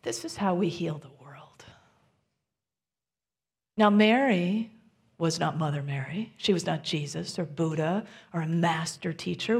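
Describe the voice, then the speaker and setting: A woman minister giving a gentle, reflective sermon, often dropping to a soft near-whisper. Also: fairly low pitch, creaky.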